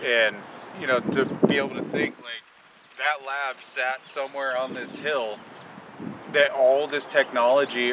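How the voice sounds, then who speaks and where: A man's voice: mid-range voice, background noise. A man co-hosting an exploration vlog, explaining things thoughtfully outdoors on a neighborhood street, with a rambling, filler-filled delivery. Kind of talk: casual on-location explaining. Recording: distant voice with music bed.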